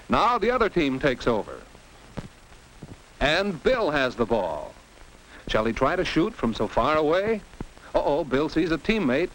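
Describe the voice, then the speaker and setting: With a mid-range voice, an American man reads instructive narration for a 1950s film made for teenagers. Like a commentator, he throws out questions and exclamations. The recording is a noisy old 1950s film soundtrack.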